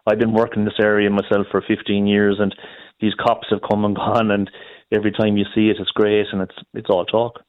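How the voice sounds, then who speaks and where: Low-voiced man with a west of Ireland accent. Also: flat delivery, brisk, dry recording. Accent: west of Ireland, Galway. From Galway, west of Ireland. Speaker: radio phone-in caller. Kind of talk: informal opinionated talk. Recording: dull, dry lo-fi call audio.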